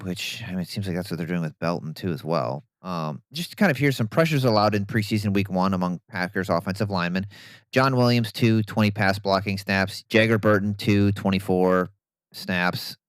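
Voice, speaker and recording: Opinionated male sports podcast co-host, lowish smooth voice, dry close sound. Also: moderate pace, dry recording. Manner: opinionated, animated, uses sarcasm. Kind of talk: casual sports chat.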